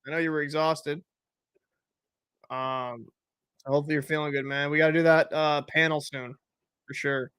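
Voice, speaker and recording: Young male streamer, slightly high voice, casual rambling chat and play-by-play. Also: level tone, moderate pace, long pauses, fairly bright tone, clean tone. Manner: chatty, joking, answers live chat, loose and rambling. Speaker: livestream host. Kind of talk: casual watch-party chat and commentary.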